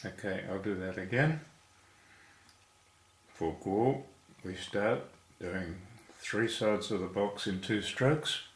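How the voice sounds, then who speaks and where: A man with a fairly low voice walks through a lesson at an unhurried pace. He explains each step with patience. The room around him rings with echo. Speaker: language teacher.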